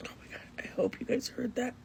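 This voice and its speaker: A young woman records herself on her phone in a dark bedroom at night. She talks in a frightened, breathy whisper, keeping her voice low. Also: quick pace. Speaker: vlogger filming her room. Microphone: phone camera.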